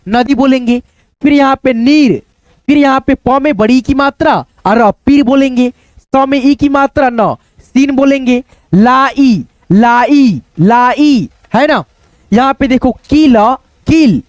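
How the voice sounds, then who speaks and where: A young man teaching Hindi reading in a casual spoken lesson, repeating sounds and words slowly and calling to his viewers as friends. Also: extremely high pitch, no echo. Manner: repetitive, drills words slowly, coaxing "dosto".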